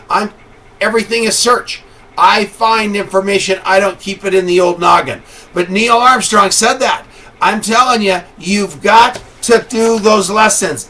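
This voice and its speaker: Male motivational call host: high, sharp voice, slows down to tell a dramatic story, then shouts for emphasis. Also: poor audio. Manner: fired-up, often shouting for emphasis. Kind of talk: motivational pep talk.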